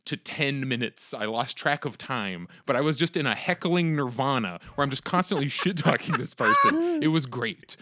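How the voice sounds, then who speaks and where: A podcast host telling a story to friends, his pitch jumping all over as he acts out each person he quotes. His voice is mid-pitched and recorded close and dry, with no room around it. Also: fairly bright tone, no echo. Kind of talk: casual storytelling chat.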